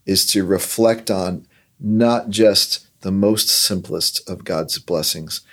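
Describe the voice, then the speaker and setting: A man's voice: low-pitched, slow pace, fairly bright tone. A man explaining a hymn line by line in an earnest, reflective podcast conversation.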